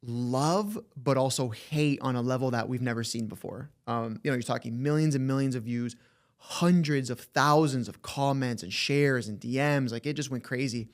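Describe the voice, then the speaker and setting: A young man with a slight lisp speaks in a mid-range voice, lively and blunt, swearing freely as he tells his story. He slips into quick voices when quoting people. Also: medium pitch. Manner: animated, profane, quick to act out quotes. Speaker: podcast guest, agency co-founder. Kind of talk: casual interview talk.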